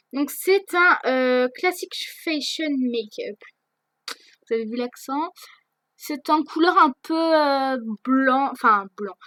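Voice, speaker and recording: A woman's voice: high-pitched, fairly bright tone, dry recording. A teenage girl answering viewer questions in a casual vlog, hesitant, with many fillers and restarts. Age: teens. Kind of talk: casual chat.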